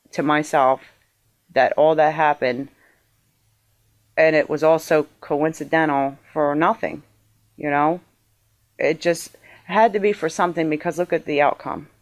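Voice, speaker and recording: Woman recounting a sighting in halting bursts. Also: sits low. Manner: halting, earnest, many fillers and restarts. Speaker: eyewitness interviewee. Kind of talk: emotional personal testimony.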